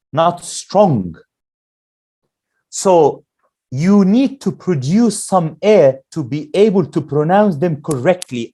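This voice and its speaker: A male Quran teacher leading a classroom lesson, slowly drilling letter sounds and asking the class questions. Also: fairly high pitch, a little mellow.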